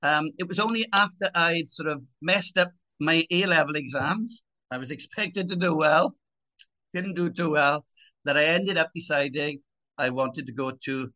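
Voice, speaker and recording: A man's voice: fairly high pitch, pushed and bright, low-quality recording. A man in his sixties from Swansea, with a Swansea Welsh accent, giving conversational personal testimony as an interview guest. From Swansea, Wales. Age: 60s.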